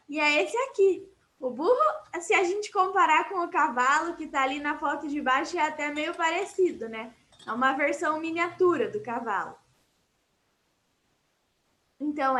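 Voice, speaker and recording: A woman's voice: high voice, a bit bright. A woman with a Brazilian accent teaching Portuguese vocabulary in an online class, explaining patiently and repeating words for her students.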